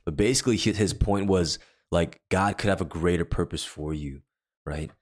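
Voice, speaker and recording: A podcast co-host and worship leader with a deep voice recounts a personal story in easygoing chat at a normal speed. He meanders, full of fillers and fresh starts.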